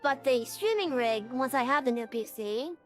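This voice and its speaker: A streamer speaks through a real-time voice changer that gives a high, feminine-sounding voice. The talk is loose and rambling, with plenty of ums and restarts. Faint music plays softly behind. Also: animated, normal speed. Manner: rambling, many fillers and restarts. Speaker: game streamer. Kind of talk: casual live-stream chat.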